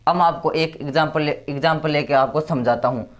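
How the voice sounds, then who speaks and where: Higher-voiced man tutoring chemistry. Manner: repeats key terms, counts slowly aloud. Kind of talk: explaining step by step at a board.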